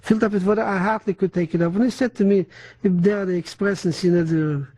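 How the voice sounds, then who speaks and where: Older man, non-native English, halting recollections with restarts, fairly high voice. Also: fairly even intonation, warm tone, poor audio. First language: not English. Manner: halting, many restarts, mixes in German words. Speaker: interviewee. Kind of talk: oral history testimony.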